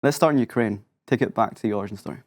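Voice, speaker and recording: A man's voice: lowish voice, racing, no echo. A man hosting an interview podcast, effusive and full of compliments for his guest. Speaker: podcast host. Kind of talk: casual interview chat.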